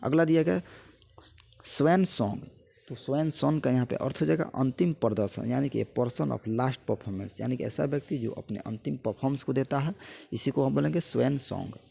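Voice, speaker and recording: A man teaching a vocabulary lesson for exam prep, explaining each meaning in simple terms and slowing down to read the English definitions. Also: mid-range voice, creaky, mellow, breathy edge.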